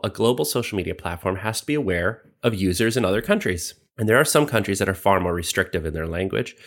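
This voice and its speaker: Male co-host, lowish, very expressive delivery, explanatory talk. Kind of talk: explanatory discussion.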